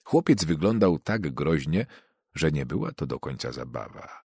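A male audiobook narrator with a very low, husky voice, reading in a measured, even manner. The sound is dry and close to the microphone. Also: no room sound. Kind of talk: scripted narration.

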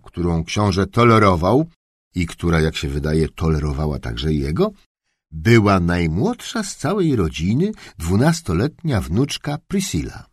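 A man giving an expressive, wry storybook narration as an audiobook narrator. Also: low-pitched, slightly rough, dry recording, clean studio sound.

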